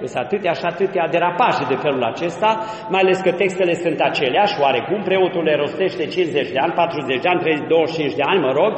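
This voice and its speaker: A man's voice: a little high, few pauses. A man preaching a sermon as a priest, emphatic and teaching, asking his listeners rhetorical questions. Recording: echoey hall with long reverb.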